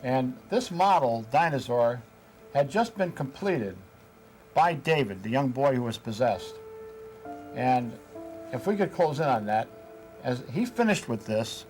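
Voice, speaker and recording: A man being interviewed as a paranormal investigator, telling events in a measured way with hesitant fillers. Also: medium pitch, sing-song, darkish tone, soft background music, poor audio. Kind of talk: interview storytelling.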